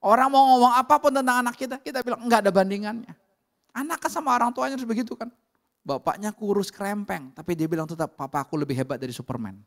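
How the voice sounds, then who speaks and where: A man's voice: extremely high pitch, fast. A man with an Indonesian accent preaching a conversational sermon to his congregation. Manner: animated storytelling with acted quotes. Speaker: pastor.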